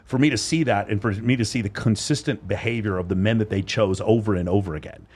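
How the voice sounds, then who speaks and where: Co-hosting a laid-back interview chat with women, this man rambles bluntly and swears often. His voice is on the low side, husky and darkish in tone, and he speaks quickly.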